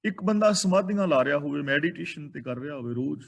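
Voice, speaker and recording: A man with a Punjabi accent explaining sacred verses. He recites each line slowly, then goes over how to pronounce it and what it means. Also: fairly high pitch, animated, creaky. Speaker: scripture teacher.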